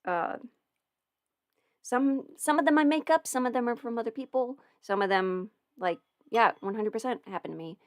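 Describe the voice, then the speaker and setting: A woman's slightly high voice at a moderate pace is heard in a clean studio recording without echo. As a livestream host and audio roleplay creator, she rambles casually, hesitant and interrupting herself while thinking aloud.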